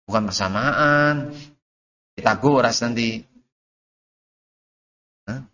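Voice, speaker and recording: A man teaching Arabic grammar in class. He reads the Arabic text slowly, then explains it and quizzes his students. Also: mid-range voice, pushed and bright. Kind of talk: classroom lesson. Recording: dull lo-fi audio recording.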